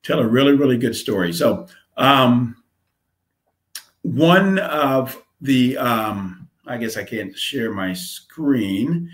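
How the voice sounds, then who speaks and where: A man's voice: mid-range voice, animated, takes it slowly. A man giving a casual marketing lesson on a live stream, talking conversationally with lots of fillers and asking "right?" often. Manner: reads his own letter aloud. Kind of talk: casual instructional talk.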